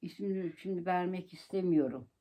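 A woman's voice: on the low side, fairly quick, dark tone. A chatty woman in her seventies, a grandmother talking casually and colloquially. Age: 70s. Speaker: grandmother making prank calls. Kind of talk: casual chat and prank calling.

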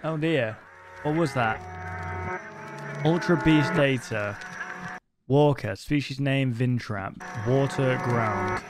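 In a bedroom streaming setup, a man in his twenties gives casual reaction commentary into a close desk microphone. He's a reaction video host with a mid-range voice who speaks slowly and pauses often, over a noisy background.

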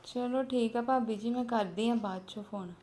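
A woman playing a courteous married sister with a slightly high, voice. She talks politely and tries to calm things down. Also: normal speed, natural voice. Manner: polite, soothing. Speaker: sister-in-law character.

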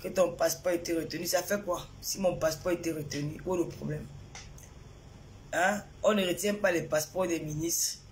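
A woman's voice: lowish voice, fairly even intonation, fairly quick, a little hiss or hum. Woman on a phone live, indignant, asks questions over and over, greets viewers by name. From Cameroon. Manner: indignant, repetitive rhetorical questions. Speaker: social media personality. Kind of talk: live-stream monologue to followers.

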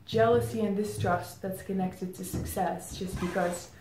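A woman's voice: medium pitch, steady tone. Thoughtful woman, roomy sound. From Czech Republic. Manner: thoughtful, pauses with many "um"s. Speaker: marketing head interviewed as guest. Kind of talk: reflective interview answers. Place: indoor room against a plain grey backdrop. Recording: roomy echo, faint ambient noise.

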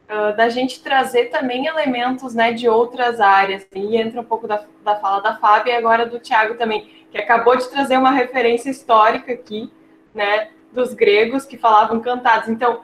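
A woman leading a casual video call discussion, explaining points with frequent tag questions. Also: fairly high pitch. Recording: roomy video call audio with faint noise.

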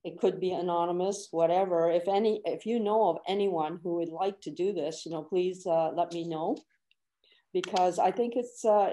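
Brief: older woman, low mellow voice, thoughtful pace, webcam. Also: rough recording. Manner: measured, searching for words. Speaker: co-author and illustrator. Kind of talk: reflective talk on a video call. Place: small room at home, office chair. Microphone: video call webcam.

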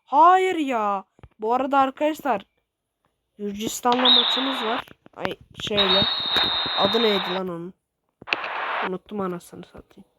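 A woman giving excitable, swearing commentary while playing a football video game, shouting at her players. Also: mid-range voice, a little slow, pauses often. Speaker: gaming streamer. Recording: loud background noise with clicks.

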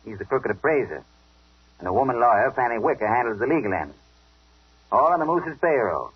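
A gruff older police inspector in an old 1940s radio drama, snapping out orders with brisk authority. His voice is husky and sits at an ordinary pitch. The sound is dull and lo-fi, like a vintage broadcast recording. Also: very animated. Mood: commanding. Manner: brisk, commanding.

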